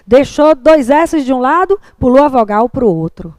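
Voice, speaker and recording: A woman's voice: sits high, expressive, moderate pace, darkish tone, no echo. A woman teacher with a Brazilian Portuguese accent, patiently explaining handwriting and margins in a classroom lecture and checking in often.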